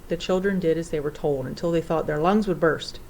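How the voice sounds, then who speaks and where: A woman narrating a children's storybook in an expressive, theatrical way. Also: low-pitched, brisk, rough recording. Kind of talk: storybook reading.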